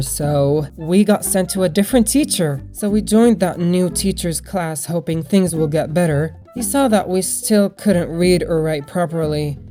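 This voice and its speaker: A woman's voice: sits low, warm tone. A young adult woman narrating a personal story as a storytime video narrator. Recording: music bed behind the voice. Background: background music.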